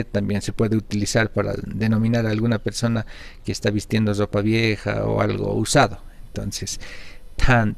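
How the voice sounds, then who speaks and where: A man teaching Aymara pronunciation, slow and careful, repeating each word for his learners. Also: medium pitch, vocal fry, no echo. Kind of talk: pronunciation lesson.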